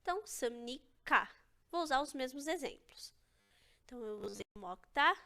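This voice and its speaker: A woman's voice: high voice, lively intonation, normal speed, bright, forceful tone. A young woman teaching an online language lesson, explaining step by step and checking in with her students often. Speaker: Korean teacher.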